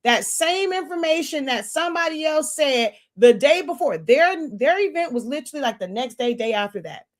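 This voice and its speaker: A woman with a high, expressive voice speaks at a moderate pace with hardly any pauses. She is a business mentor teaching unscripted on a livestream, lecturing bluntly and often stopping to search for a word.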